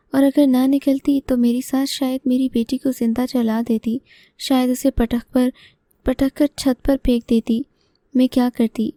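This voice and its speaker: A woman telling a first-person story in a steady, measured way. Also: fairly high pitch, no echo.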